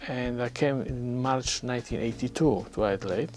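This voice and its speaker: A man in his sixties with a Polish accent, a native Polish speaker, speaking plainly and a little haltingly as a senior radio technician in a documentary interview on a lapel mic. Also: medium pitch, a little mellow, soft background music. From Poland. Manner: plain, measured, slightly halting English. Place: radio studio.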